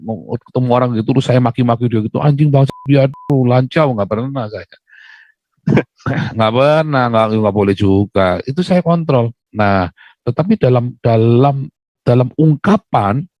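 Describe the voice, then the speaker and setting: A man's voice: mid-range voice, no room sound. This man hosts a live call-in broadcast, speaking with force and plenty of swing in his voice. He often cuts across his caller. The sound is dry and close to the mic, with no room around it. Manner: forceful, animated, talks over the caller. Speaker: host of a live call-in show. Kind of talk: casual live talk.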